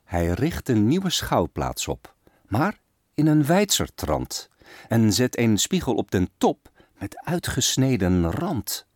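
A man narrating a rhymed fable in a lilting, very expressive recital. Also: mid-range voice, slow, no echo, studio quality.

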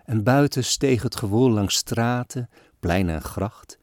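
A man giving a solemn, expressive recitation of an old-fashioned story poem. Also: medium pitch, slow pace, dry recording, clean studio sound. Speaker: reader. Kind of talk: dramatic poetry recitation.

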